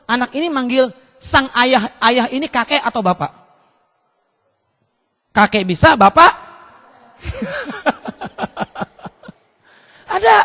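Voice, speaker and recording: High, bright-voiced male pastor in a reverberant hall. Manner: asks the audience frequent rhetorical questions. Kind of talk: seminar sermon with storytelling. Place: church seminar hall.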